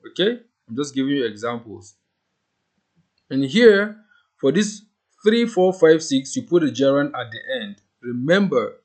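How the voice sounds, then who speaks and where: Man teaching spelling rules step by step. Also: mid-range voice. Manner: explains step by step, repeats key rules. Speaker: English teacher. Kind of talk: grammar lesson.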